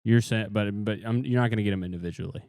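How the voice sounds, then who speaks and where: A young man co-hosting a podcast, joking in a deadpan way and swearing casually. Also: lowish voice, very fast, gravelly, no room sound. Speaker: podcast co-host. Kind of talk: casual banter.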